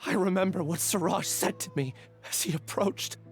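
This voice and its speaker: A man's voice: high voice, moderate pace, faint music behind. An actor playing an earnest, troubled man who was a test subject, in a video game. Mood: haunted. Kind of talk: video game dialogue acting.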